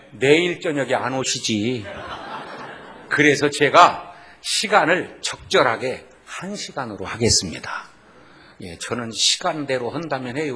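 A middle-aged man preaching a revival sermon in a strong Jeolla accent, folksy and joking, rising to loud exclamations. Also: mid-range voice. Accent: Jeolla Korean. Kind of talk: sermon with jokes.

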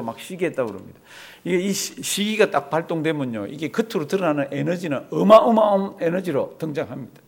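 Lively, animated Korean-speaking male pastor preaching. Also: on the high side. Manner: lively preaching with rhetorical questions to the congregation. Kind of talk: sermon.

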